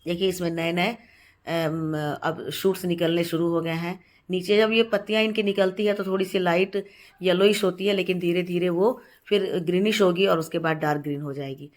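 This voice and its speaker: Speaking in a lowish, steady voice thick with a cold, a gardening channel host walks through a casual tutorial in her outdoor terrace garden at home. She chats freely, repeats words, and often stops on fillers.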